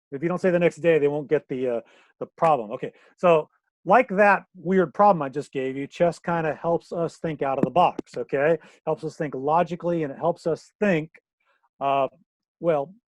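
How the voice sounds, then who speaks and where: A man's voice: a little high, no echo. An older man teaching chess in an online workshop over a video call, upbeat and jokey, with riddles for the group.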